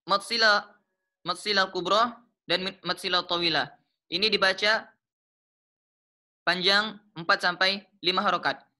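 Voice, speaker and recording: A man with a Malaysian accent teaching the rules of Quran recitation, explaining slowly and patiently, repeating each term and chanting the example verses. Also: high voice, bright, forceful tone. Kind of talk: explaining tajwid rules step by step.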